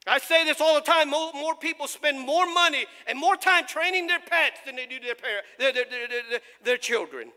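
Man raised in the US, preaching hard in a church; piercing bright tone, stumbles and shouts for emphasis. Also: extremely high pitch, normal speed, few pauses. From United States. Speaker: pastor. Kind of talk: sermon. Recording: long reverb of a large hall.

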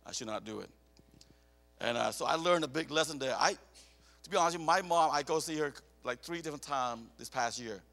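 A man born in Cambodia and raised in America, preaching as a missionary, animated and prone to repeating himself as he tells personal stories. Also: a little high, a little fast, gravelly. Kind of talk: sermon. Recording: echoey hall reverb.

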